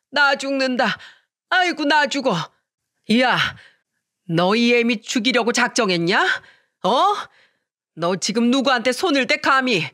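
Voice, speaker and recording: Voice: high voice, pushed and bright, pitched above the performer's own voice, full character voice. A narrator voicing an angry older mother-in-law who wails, scolds and curses in a raised voice. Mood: wailing, scolding. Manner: wailing, scolding and cursing.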